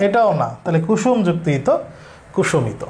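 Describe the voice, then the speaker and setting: A man with a Bangladeshi accent teaches grammar online in a high voice. He drills the class by firing off questions and answering each one himself, repeating his points. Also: big pitch swings, normal speed, darkish tone, slight background noise. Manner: repetitive, drilling.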